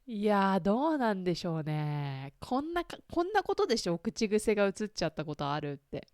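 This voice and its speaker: A woman's voice: medium pitch, big pitch swings, brisk, darkish tone, dry recording, clean studio sound. A woman in her thirties hosting a casual solo chat, talking to listeners with lots of fillers, asides and self-deprecating questions. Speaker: podcast host.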